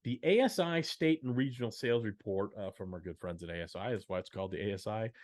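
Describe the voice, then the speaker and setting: A man's voice: fairly low pitch, fast, darkish tone. A man from the United States co-hosting a casual business podcast, chatting and walking through numbers. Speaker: podcast co-host.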